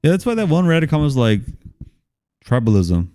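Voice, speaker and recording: A man's voice: fairly high pitch, very animated, very fast, dark tone, smooth, no room sound, clean studio sound. A man co-hosting a casual movie podcast, laughing often, swearing and animatedly retelling scenes. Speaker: podcast co-host.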